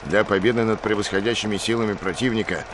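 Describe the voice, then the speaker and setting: Distant, low-voiced actor as military film narrator. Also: male voice, steady tone, lightly acted. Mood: stern, instructive. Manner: measured, didactic. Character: stern male military training film narrator. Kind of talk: scripted instructional narration. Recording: distant, very noisy film playback.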